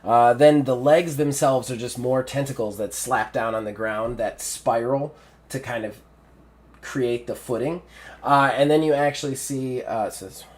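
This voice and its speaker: A man's voice: medium pitch, steady tone, a little slow. A man narrating a tabletop game as game master, describing the scene in a rambling way with many fillers.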